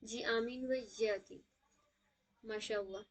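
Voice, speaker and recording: A woman's voice: fairly high pitch, fairly even intonation. A woman teaching a live online tajweed class over a video call. She keeps checking in with "okay?" and mixes in English words.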